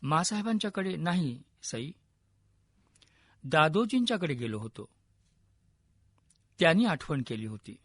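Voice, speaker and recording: A young king, earnest and impassioned, as a male narrator voices him. The voice is fairly high and measured, close to the mic in a dry space. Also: big pitch swings, no room sound, exaggerated voice.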